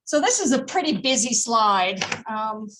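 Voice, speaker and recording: A woman's voice: fairly high pitch, sing-song, unhurried, background noise. A woman teaching a nursing pharmacology class, talking casually with lots of fillers and little asides. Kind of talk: classroom lecture. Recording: roomy classroom audio from far off.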